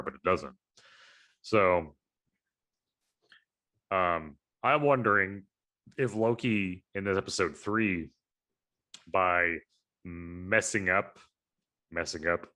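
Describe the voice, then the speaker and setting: Low-pitched male co-host, bright edge, thinks aloud in long meandering casual chat. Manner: analytical, rambling with fillers. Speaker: podcast co-host.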